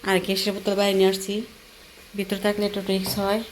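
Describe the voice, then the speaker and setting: A Bangladeshi woman vlogging casually as she cooks at home, explaining each step in a chatty way, her voice hoarse from a cold. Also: medium pitch, monotone, fast, slight background noise. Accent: Bangladeshi Bengali. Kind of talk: casual cooking vlog. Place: home kitchen.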